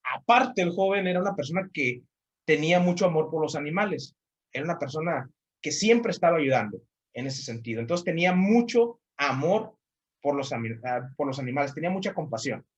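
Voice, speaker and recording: A man's voice: on the high side, animated, brisk, muffled recording. Man telling a motivational story. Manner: repeats phrases, addresses the listener directly. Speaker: motivational trainer.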